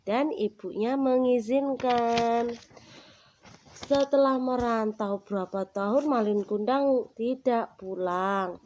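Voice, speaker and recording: A woman telling a folktale to her small child in a simple, slow storytelling manner at home. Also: a little high, darkish tone. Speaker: parent reading to a child. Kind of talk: bedtime story narration. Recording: dull recording with faint noise.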